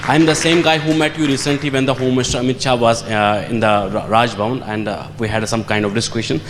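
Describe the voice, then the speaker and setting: A man's voice: medium pitch, steady tone, fast. Kashmiri-accented man in an echoey, humming hall. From Srinagar, Kashmir. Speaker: audience questioner. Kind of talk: question from the floor at a public event. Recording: echoey hall, noisy hum.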